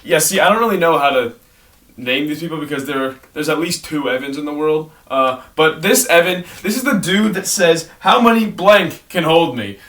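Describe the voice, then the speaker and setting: A man's voice: a little high, normal speed, fairly bright tone. A young man rambling casually through a ranked list, often correcting himself and trailing off mid-sentence. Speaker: host ranking favorite creators. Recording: distant mic with clear background noise.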